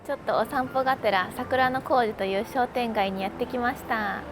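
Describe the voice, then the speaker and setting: Woman, travel vlogger, casual chat, playful self-mocking jokes, fairly high voice, music playing underneath. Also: normal speed. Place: out and about sightseeing in a city.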